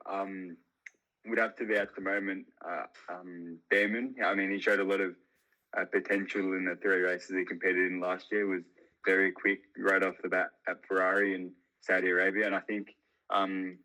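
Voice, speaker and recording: A sixteen-year-old racing driver speaking as a podcast guest over a video call, measured and full of ums. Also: male voice, sits low, little pitch movement, sharp tone, low-quality recording. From Melbourne, Australia. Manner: measured, filler-heavy.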